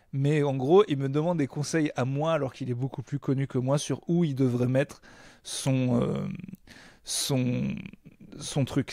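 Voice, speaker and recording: A man co-hosting a podcast, telling animated stories with frequent laughter. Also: mid-range voice, no echo, studio quality. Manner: animated storyteller, laughs often. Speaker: podcast co-host. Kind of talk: casual chat.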